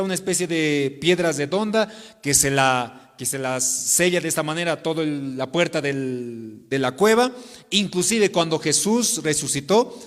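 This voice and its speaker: A man preaching a sermon to his congregation, swinging between loud declarations and hushed pleas. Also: a little high. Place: church sanctuary. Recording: long church reverb.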